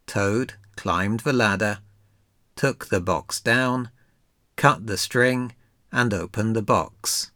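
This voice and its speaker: A man reading a children's story aloud in a slow, gentle, deliberate way. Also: on the low side, no echo, studio quality.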